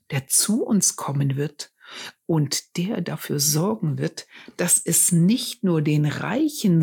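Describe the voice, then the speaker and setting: An earnest grown shepherd, voiced by a woman reading aloud in a storybook tale, telling his news slowly and a touch higher than her plain voice. The tone is husky and fairly low. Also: a little mellow, exaggerated voice.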